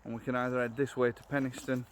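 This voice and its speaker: Talking fast and in a level tone, this Yorkshire-accented walking guide narrates a casual vlog as he takes viewers along an outdoor trail. He's a middle-aged man with a typical mid-range pitch, speaking unscripted and down-to-earth while thinking aloud into a phone he holds at arm's length.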